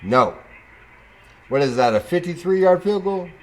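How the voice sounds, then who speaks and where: A gaming YouTuber casually comments on his own football video game play, talking to the game and suddenly whooping with excitement. His voice is high-pitched and his pace is measured.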